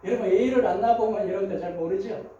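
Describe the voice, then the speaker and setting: A man in his sixties preaching a lively sermon, switching between loud and soft. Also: sits high, fast, muffled recording. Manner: animated preaching with acted quotes, shifting loud and soft. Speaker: pastor. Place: large church sanctuary. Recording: roomy echo, voice from far off.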